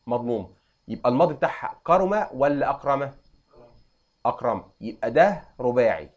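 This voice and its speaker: A young adult man with an Egyptian accent, teaching an Arabic grammar lesson and quizzing students with quick questions. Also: mid-range voice, animated. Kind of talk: classroom lesson.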